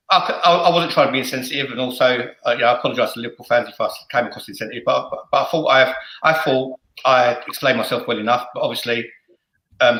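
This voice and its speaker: A middle-aged man with a mid-range, sharp-toned voice hosts a football fan show, recorded with a roomy, echoey sound. His casual fan chat is jokey, crude, and sweary, and he often stammers and repeats words as he stumbles along.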